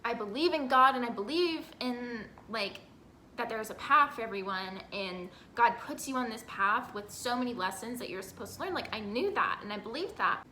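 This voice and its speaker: A woman's voice: a little high, animated, normal speed, pushed and bright, echoey room, slight background noise. A woman in her twenties from Texas, talking candidly and earnestly in a personal vlog, with lots of "like" fillers. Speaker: vlogger.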